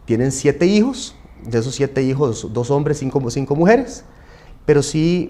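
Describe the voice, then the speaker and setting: A man's voice: medium pitch, darkish tone. A man in his forties with a Costa Rican accent, telling his family business's history in a conversational interview, with frequent tag questions and fillers. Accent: Costa Rican Spanish. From Costa Rica. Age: 40s. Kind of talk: interview, storytelling.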